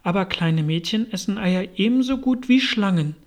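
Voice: mid-range voice, animated, moderate pace, natural voice. A reader voicing a polite, bewildered little girl in a storybook. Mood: protesting. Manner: earnest and bewildered. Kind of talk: storybook reading.

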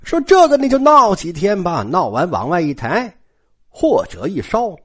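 Colloquial storyteller, very expressive pitch, chatty asides. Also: moderate pace, breathy edge. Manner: animated, colloquial, asides to listeners. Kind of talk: traditional oral storytelling.

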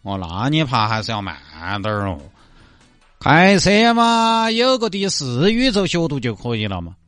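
A man's voice: a little high, huge pitch swings, moderate pace, fairly bright tone, no room sound, faint music behind. A man voicing a sleepy drunk car owner with a Sichuan accent, drawling and easygoing. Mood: drowsy.

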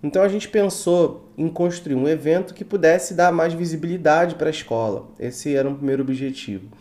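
A young adult man from Brazil, a student event organizer, guests on a casual podcast interview. His fairly high, darkish voice moves at a moderate pace, and he speaks earnestly and a bit formally with some hesitations.

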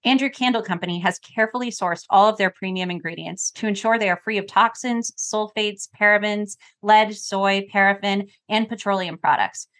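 Podcast lady joking around and laughing, middle pitch, casual chat. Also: moderate pace, hardly any pauses, a bit bright. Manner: laughs often, playful and teasing. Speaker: podcast co-host.

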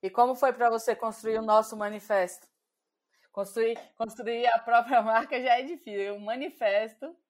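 A Brazilian woman co-hosting a podcast, steering the conversation with questions in a relaxed, conversational way. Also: fairly high pitch, moderate pace. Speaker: podcast co-host. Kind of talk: casual podcast chat.

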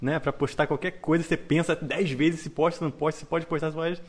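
A man co-hosting a podcast, chatting in a relaxed, slangy way. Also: a little high, a little fast. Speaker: podcast co-host. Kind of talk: casual chat.

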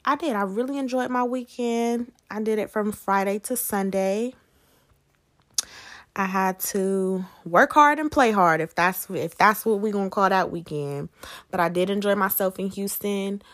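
Unhurried and fairly bright, a mid-range female voice carries this solo podcast. The host speaks casually and conversationally, directing questions at her listeners.

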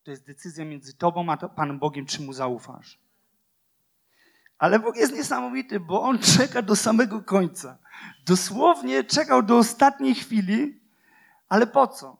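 With a high-pitched, gravelly voice at normal speed, a man delivers a fervent sermon. He leans on repeated phrases and rhetorical questions, moving from booming declarations to soft, hushed lines.

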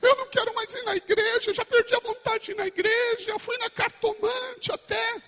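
A man voicing a distressed churchgoer who complains to God in a plaintive, drawn-out wail. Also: very high-pitched, flat delivery, bright, forceful tone, voice pushed up, full character voice. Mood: whining. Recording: echoey hall.

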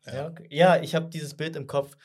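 A man hosting a casual podcast conversation, talking in a relaxed, reflective way. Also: a little high, brisk. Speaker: podcast host.

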